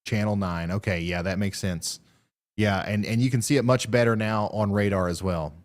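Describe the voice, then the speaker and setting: Low-pitched man giving live weather commentary. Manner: halting, thinking aloud while reading radar. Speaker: live weather stream host.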